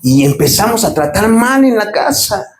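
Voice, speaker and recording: A man preaching a sermon as pastor, swinging from raised, urgent lines to low, quiet asides. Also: very animated, moderate pace, roomy sound. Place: church.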